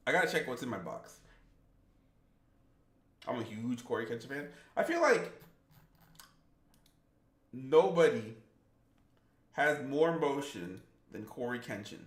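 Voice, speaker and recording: A man's voice: medium pitch, very animated, a little slow, long pauses. Rambling man on a gaming stream, roomy echo. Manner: rambling, reads viewer comments aloud. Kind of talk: casual live-stream chat.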